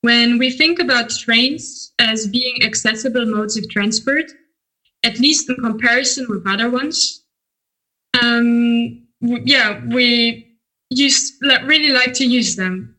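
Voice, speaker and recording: A woman from Germany co-hosting a podcast, asking interview questions in a halting way with fillers. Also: fairly high pitch, sharp tone, rough recording. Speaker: podcast co-host.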